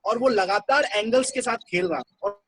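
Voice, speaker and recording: A man's voice: extremely high pitch, moderate pace, a bit bright, slightly rough, no echo, poor audio. A male teacher giving a classroom lecture, talking conversationally and explaining things step by step.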